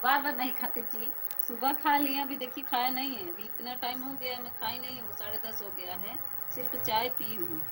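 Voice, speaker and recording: A woman's voice: on the high side, fairly quick, background noise. A woman in her thirties hosting a casual live stream, chatting with viewers and thanking them by name.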